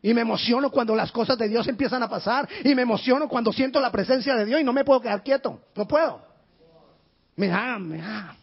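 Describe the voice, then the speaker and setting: Male pastor, fervent sermon, high voice, husky edge, dull lo-fi recording. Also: a little fast. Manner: impassioned, shouting in bursts then dropping low. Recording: dull lo-fi sound.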